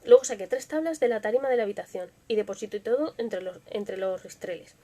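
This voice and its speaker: A young woman with a Spanish accent from Spain, hosting a live stream and reading stories in a soft, expressive voice that sometimes drops to a whisper. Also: mid-range voice, fast talker. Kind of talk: dramatic story reading with casual chat.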